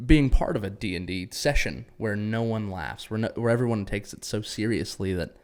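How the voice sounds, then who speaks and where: A man hosting a casual podcast, agreeable and quick to chime in with agreement. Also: clear, resonant tone. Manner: agreeable, lots of quick yeahs, lively pitch. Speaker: podcast host.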